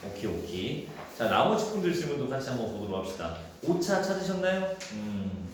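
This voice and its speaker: A man teaching a high school Korean class, talking casually through exam questions and thinking aloud. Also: sing-song, a little fast. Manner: casual, thinks aloud, acts out quoted dialogue in a raised voice. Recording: echoey room with faint noise.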